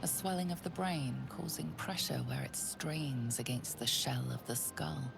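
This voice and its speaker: A woman playing a solemn, ominous narrator in a fantasy video game, measured and portentous. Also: sits low, gravelly, background noise, exaggerated voice. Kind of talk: dramatic scripted game narration.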